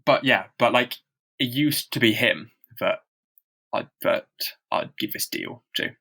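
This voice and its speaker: Podcast co-host, man with a stammer, mid-pitched, rambling and self-mocking. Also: sing-song, unhurried, vocal fry, pushed and bright, breathy edge. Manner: stammers, with blocks and repeated sounds; loose and chatty, with lots of fillers and self-deprecating asides. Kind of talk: casual chat.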